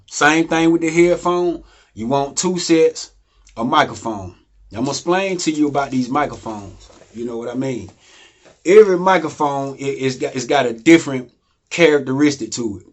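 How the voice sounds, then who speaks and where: In a casual how-to talk, a man loosely rambles through an explanation of home studio gear, repeatedly asking "you know what I mean?". His voice is deep and expressive, and he speaks at a moderate pace.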